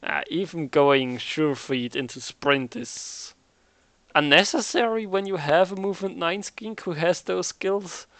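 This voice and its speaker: A man's voice: fairly high pitch, a little slow, fairly bright tone, dry recording. A man hosting a casual game recap, chatty and joking as he thinks aloud. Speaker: recap host.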